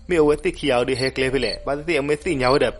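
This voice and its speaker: Fast-talking male storyteller, crickets behind. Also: medium pitch. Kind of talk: narrating a folk legend. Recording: noisy recording with crickets behind.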